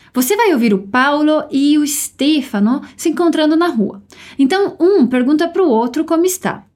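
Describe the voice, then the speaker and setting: A woman with a Brazilian Portuguese accent teaching a podcast language lesson, upbeat and encouraging, slowing down to model pronunciation. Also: sits high, darkish tone.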